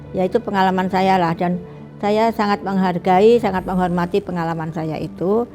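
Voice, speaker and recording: A woman in her seventies, a retired eye doctor, recalling her life in a slow, reflective interview with many pauses. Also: medium pitch, gravelly, darkish tone. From Bali, Indonesia. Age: 70s. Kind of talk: recorded interview, personal reminiscence.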